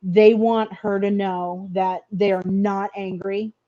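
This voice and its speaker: A woman's voice: mid-range voice, little pitch movement, takes it slowly, highs cut off. A middle-aged woman telling a personal story in an interview, earnest and hesitant, often repeating words as she goes.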